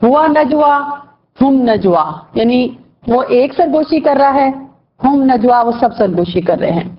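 A woman's voice: sits high, lively intonation. A woman teaching a class, explaining word roots, quizzing her students and praising their answers. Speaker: Quran vocabulary teacher. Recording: dull lo-fi recording.

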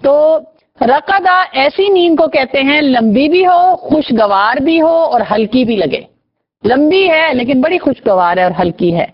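A woman's voice: sits high, animated. A woman teaching Quran vocabulary, explaining Arabic word roots, asking her students questions and praising their answers. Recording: dull lo-fi recording.

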